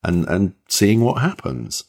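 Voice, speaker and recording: Husky low man with a lively, swooping voice. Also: measured pace. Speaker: podcast co-host. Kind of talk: casual chat.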